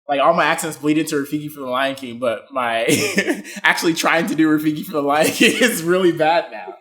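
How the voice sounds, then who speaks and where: Lively, animated young man joking around. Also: fairly high pitch. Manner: animated, joking, rambling with many fillers. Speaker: podcast co-host. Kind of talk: casual chat.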